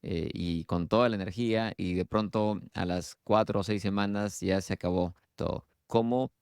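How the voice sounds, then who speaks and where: A man's voice: deep voice, steady tone, moderate pace, darkish tone, smooth, no echo, studio quality. A man, a physician hosting the interview, who asks questions and sums up points in an explanatory tone. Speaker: physician host. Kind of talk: conversational interview.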